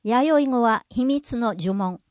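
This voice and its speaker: A woman reading a scripted informational narration in a measured way, slowing down over example words. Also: fairly high pitch, animated, no echo.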